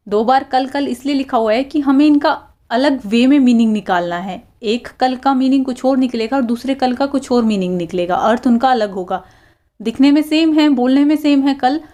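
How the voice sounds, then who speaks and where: A woman with a fairly high voice teaches a school lesson. She reads out the passage, acts out its lines and keeps turning questions back to her students. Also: warm tone. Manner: explains step by step, reading the passage aloud and acting out its lines; often poses questions to students. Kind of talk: explaining a school worksheet.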